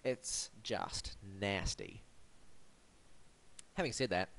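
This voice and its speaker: Reviewing websites in a scripted monologue, this male host has a lowish, gravelly voice with a fairly bright tone, very animated and stretching out his words. His nose is blocked and sniffly from hay fever, and his manner is wry, theatrical and mock-formal.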